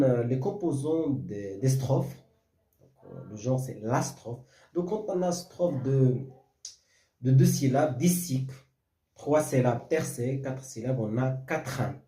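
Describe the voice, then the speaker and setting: Halting male teacher, dark voice. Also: medium pitch, roomy sound. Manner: halting, many fillers and restarts, checks understanding with "d'accord?". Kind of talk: explaining French verse rules.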